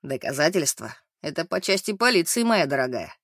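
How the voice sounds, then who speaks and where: A man voicing a sly, gloating male newspaper reporter in an audiobook, with a mocking, drawn-out way of talking. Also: on the high side, sing-song, fairly bright tone, no room sound, studio quality, full character voice. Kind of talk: audiobook character reading.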